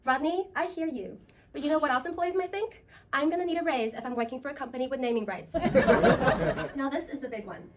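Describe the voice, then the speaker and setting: A woman with a high, brisk voice hosts a student role play styled like a game show, delivering a playful, jokey, theatrically scripted performance. The recording is roomy and noisy, picked up on a distant mic with loud music.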